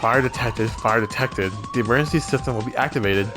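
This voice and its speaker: A man reads as an automated emergency announcer in a video game, official and urgent. The voice is mid-pitched, with game music behind it. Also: brisk, lightly acted.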